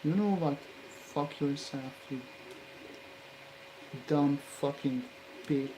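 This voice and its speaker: Slow, cursing, frustrated solderer muttering. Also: noisy background. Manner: cursing angrily at the work, with sudden loud outbursts; low grumbling between outbursts. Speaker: hobbyist electronics maker. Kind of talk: muttering while soldering on camera.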